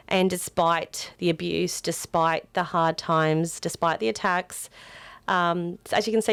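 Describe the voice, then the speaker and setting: A woman talks through her campaign with a hoarse, croaky voice. She speaks earnestly, with plenty of fillers. Her voice sits on the low side and comes through smooth and close. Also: dry recording. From Australia. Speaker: political candidate. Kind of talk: interview answers.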